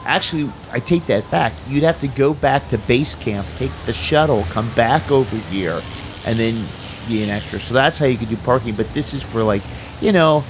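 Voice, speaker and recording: A man's voice: medium pitch, normal speed, noisy background, lightly acted. A man playing a casual, rambling film-shoot parking attendant who hesitates often in improvised comedy.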